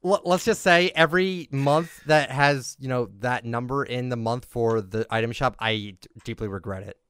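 A man's voice: medium pitch, moderate pace, fairly bright tone, clear, resonant tone, no echo. A man hosting a podcast in casual chat, swearing freely and joking about himself. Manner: profane, self-mocking. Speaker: podcast host.

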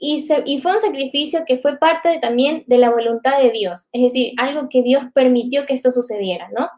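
High-voiced woman giving a faith talk. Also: fairly quick, darkish tone. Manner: reflective, many filler tags like "¿no?". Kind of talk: live faith talk to viewers.

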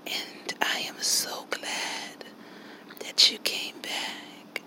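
A woman hosting a guided relaxation session in a slow, soft whisper, counting breaths and movements. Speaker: relaxation host.

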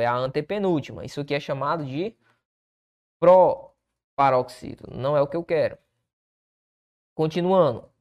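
A Brazilian man in a grammar class walks through exam questions one by one. He explains each step, asks himself questions and then answers them, and drawn-out words alternate with quick asides. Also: on the high side, lo-fi sound. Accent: Brazilian Portuguese. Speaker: Portuguese teacher. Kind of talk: exam-prep lesson walking through questions.

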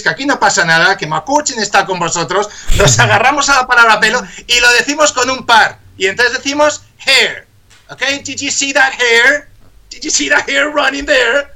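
Bright-voiced playful radio man. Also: sits high. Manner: playful, jokey teacher. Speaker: radio host teaching English. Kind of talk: live radio chat.

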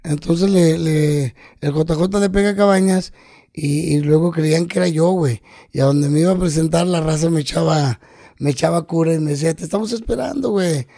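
Mexican comedian guest, gravelly and dark-toned, slangy swearing storyteller, dry close sound. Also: male voice, on the high side, fairly even intonation, a little fast, no echo. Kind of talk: casual interview chat.

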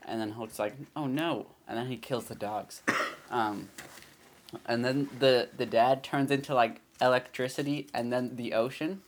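A man's voice: mid-range voice, fairly even intonation, moderate pace. A man in casual chat among friends, recapping a story in a rambling way full of fillers.

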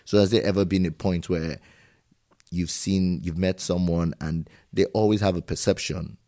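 Deep-voiced rambling male interviewer. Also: steady tone, moderate pace, dark tone. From immigrant to Germany. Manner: rambling questions, frequent restarts. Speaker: podcast host. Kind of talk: casual interview.

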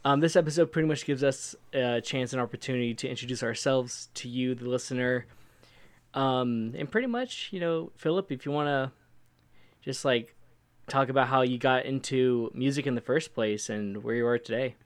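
A man hosting a podcast in a casual chat, with informal, halting phrasing. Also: medium pitch. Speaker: podcast host.

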